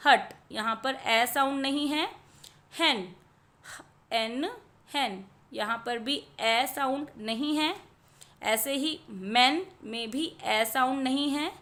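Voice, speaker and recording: High bright woman teaching slowly. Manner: patient, explains each answer, sounds out words slowly. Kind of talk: worksheet lesson in Hindi with English words.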